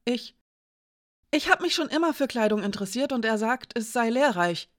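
Lady doing a snippy little girl, high and loud, fast talker, storybook read-aloud. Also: lively intonation, close to an everyday voice. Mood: rambling. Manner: high, loud and indignant, rushing. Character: sharp-tongued, touchy young girl.

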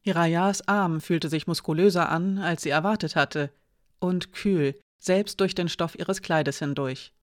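An audiobook narrator reading a fantasy novel in a steady, clear storytelling voice of middling pitch. The recording is close and dry, with no room sound. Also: a little slow, no room sound. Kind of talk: scripted narration.

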